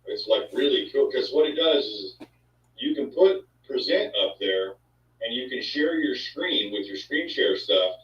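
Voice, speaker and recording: A man's voice: mid-range voice, sing-song, unhurried, a little hiss or hum. A man hosting a casual chat, talking in an easygoing, rambling way. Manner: easygoing, rambling, sound effects. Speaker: host. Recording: echoey, distant, dull sound.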